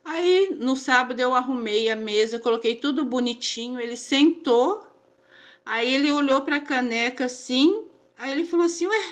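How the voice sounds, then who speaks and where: A woman's voice: high voice, moderate pace. A woman with a Brazilian Portuguese accent, a therapy group participant pouring out a personal account in a rambling, confiding way full of repeated fillers.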